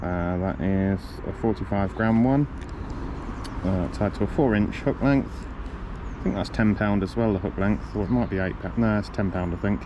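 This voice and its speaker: A man with a fairly low voice walks through his fishing kit in a loose, rambling way, full of ums and self-corrections. He has a bit of a cough. Recorded outdoors, with clear background noise behind him. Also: normal speed, dull audio. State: coughing a lot. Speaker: fishing vlogger. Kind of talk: casual gear walkthrough. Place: outdoors on a riverbank.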